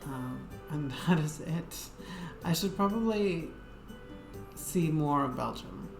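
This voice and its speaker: This woman streamer's deep, creaky voice is animated yet slow as she chats casually with her audience. Her talk wanders and hesitates, packed with fillers, while game music echoes around the room.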